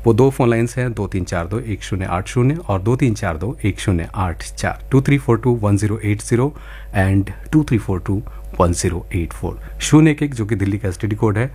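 A man's voice: on the low side, animated, moderate pace, mellow, breathy edge. A man hosting a live radio phone-in quiz, politely encouraging and wordy, slipping some English into his talk.

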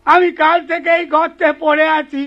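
A man's voice: very high voice, little pitch movement, normal speed. A man acting a desperate, trapped common man who pleads and wails for rescue in a comic audio drama. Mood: pleading. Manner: pleading, wailing cries for help. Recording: dull lo-fi recording.

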